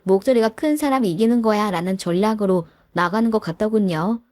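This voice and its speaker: A woman's voice: medium pitch, fairly quick, darkish tone. A woman narrating her own family story in a weary, plain way. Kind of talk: scripted narration.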